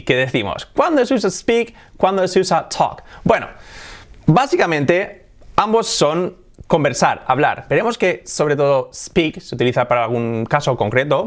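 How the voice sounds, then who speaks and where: A man with a Spanish accent from Spain hosting a casual English lesson, drilling pronunciation by repeating words. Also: on the high side. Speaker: English teacher and host.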